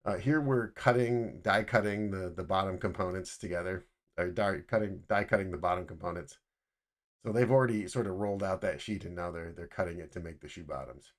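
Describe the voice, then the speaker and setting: A man's voice: deep voice, a little fast. A middle-aged man casually narrating factory slides as a footwear design instructor, explaining with frequent restarts. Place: indoors, webcam over slides.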